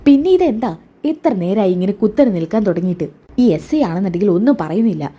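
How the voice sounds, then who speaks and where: A woman voicing a sharp-tongued middle-aged mother who grumbles in bitter, sarcastic complaints. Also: mid-range voice, lively intonation, fairly quick, breathy edge.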